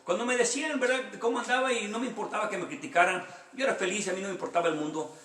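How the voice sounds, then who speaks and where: High-voiced pastor in an echoey church. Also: male voice, very fast, fairly bright tone. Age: 50s. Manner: earnest, repeats phrases for emphasis. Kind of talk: sermon with personal testimony.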